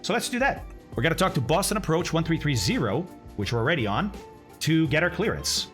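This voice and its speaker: Lively chatty man streaming a flight sim. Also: fairly high pitch, brisk, faint music behind. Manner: chatty, laughs often, thinks aloud. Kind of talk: casual live-stream chat.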